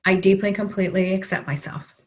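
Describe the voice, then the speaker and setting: A woman practitioner guiding a tapping session, calmly giving phrases for the client to repeat. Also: medium pitch, quick pace. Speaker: EFT practitioner.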